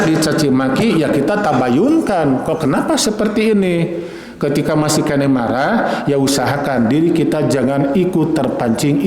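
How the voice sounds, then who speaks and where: A man's voice: on the high side, darkish tone. A man preaching a sermon on hadith, often addressing listeners as "Pak" and answering his own questions. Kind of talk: sermon teaching hadith to a congregation. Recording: echoey hall with long reverb and faint noise.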